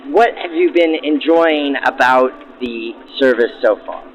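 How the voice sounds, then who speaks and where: A train excursion show is hosted by a man who interviews in a formal, descriptive style typical of old-time radio, his voice filtered like a 1940s broadcast. His pitch is mid-range and his pace measured. The sound is narrow and phone-like, vintage radio style, with music behind it.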